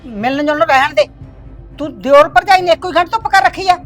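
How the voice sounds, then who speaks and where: Woman playing an older mother, scolding, complaining, very high-pitched, soft music behind. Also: fast talker, close to an everyday voice. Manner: scolding, complaining, sharp-tongued. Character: stern aging village mother, touchy and scolding. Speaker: mother in a family drama. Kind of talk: village web-series acting.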